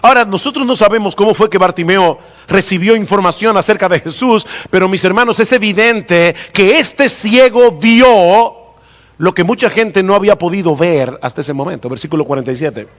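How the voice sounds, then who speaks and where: Guy preaching a sermon, pretty high voice, big echoey church reverb, leans hard on the key words. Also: a bit bright. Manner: emphatic preaching, slows down and rises for stress. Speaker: pastor. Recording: long reverb of a hall.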